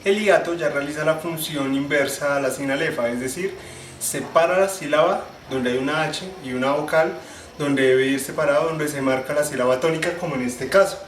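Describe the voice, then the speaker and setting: A young man giving a class presentation, explaining step by step, restarting phrases and slowing down to spell out syllables. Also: on the high side. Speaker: student presenter. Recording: echoey room, faint ambient noise.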